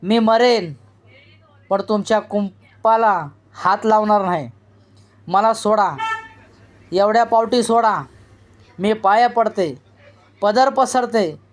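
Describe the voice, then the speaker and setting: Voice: mid-range voice, slow, long pauses, natural voice. A reader voicing a terrified pregnant young village woman in an audiobook reading, pleading desperately. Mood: begging.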